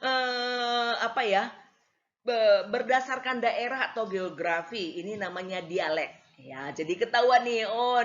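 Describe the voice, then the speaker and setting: A woman lecturer giving a casual classroom lecture, hesitating with many fillers and acting out examples. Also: on the high side. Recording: slightly dull lo-fi recording.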